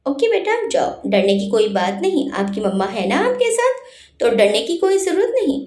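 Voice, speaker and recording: Brief: woman narrator as a young mother, gentle with her child, sharp with grown men, high lively voice, roomy echo. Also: moderate pace. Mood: tender. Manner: scolding. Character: young mother, tender to her son, fierce when crossed.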